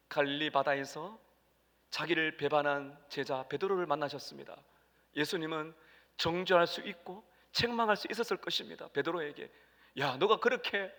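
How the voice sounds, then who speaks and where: Impassioned pastor, bright high voice. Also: male voice. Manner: impassioned preaching with sudden loud cries and hushed drops. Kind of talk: sermon. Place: large church sanctuary. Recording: long church hall reverb.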